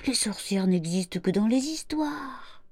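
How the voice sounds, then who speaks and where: A woman voicing a gentle mother who speaks softly and soothingly, in a storybook reading. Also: a little high, expressive, a little slow, no echo, voice pushed up. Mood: soothing, amused. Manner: soft, soothing, amused.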